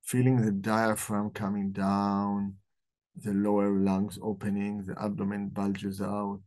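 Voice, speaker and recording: A man hosting a live book club, talking about the book and then slowly leading a guided meditation in a soft, calm voice. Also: lowish voice. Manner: slow, soft-spoken guiding voice. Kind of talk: live talk.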